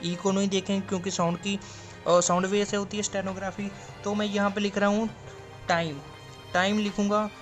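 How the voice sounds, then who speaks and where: Man teaching, repeating words slowly. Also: high-pitched, level tone, faint music behind. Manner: repeats words slowly and asks and answers his own questions. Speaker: stenography teacher. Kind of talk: classroom explanation.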